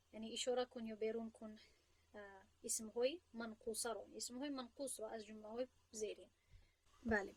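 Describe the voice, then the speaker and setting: A woman with a fairly high voice teaching a grammar class in Persian, her first language. She breaks each point down patiently, stopping to quiz her students and praise their answers. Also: warm tone, rough recording. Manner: explains step by step, asks students questions and praises answers. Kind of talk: online grammar lesson.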